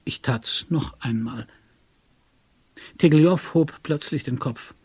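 A man narrating a story in the first person, in a measured storytelling manner. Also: on the high side, a little mellow, breathy edge, no echo. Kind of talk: audiobook narration.

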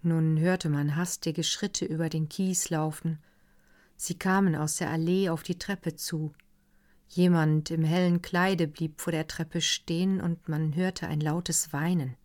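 A woman reads a classic novel aloud in a calm, deliberate audiobook style. Her voice sits low and her pace is unhurried, giving every phrase room. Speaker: narrator. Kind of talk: audiobook reading of classic literary fiction.

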